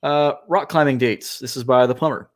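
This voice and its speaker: A man with a mid-range voice co-hosts a casual podcast. He reads out listener points in a relaxed way, breaking off into quick asides. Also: mid-range voice. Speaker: podcast co-host.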